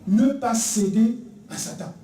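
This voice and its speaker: A preacher in full sermon mode, hammering home repeated phrases and slipping into quick acted exchanges. The voice is mellow and dark in tone, heard from well back in a reverberant church with a faint hum of ambience. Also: medium pitch, distant mic. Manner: emphatic, repeats key phrases, acts out dialogue. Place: church sanctuary. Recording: echoey church recorded from afar.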